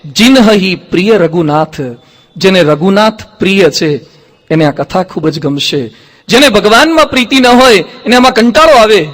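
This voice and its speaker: High-voiced monk preaching in a reverberant hall. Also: male voice, moderate pace. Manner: lively storyteller who acts out quoted speech. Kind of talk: devotional sermon storytelling.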